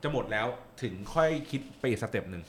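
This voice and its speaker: A man's voice: mid-range voice, expressive, quick pace, echoey room, a little hiss or hum. A man chatting casually about politics, hesitant and thinking aloud with many fillers. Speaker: political commentator guest.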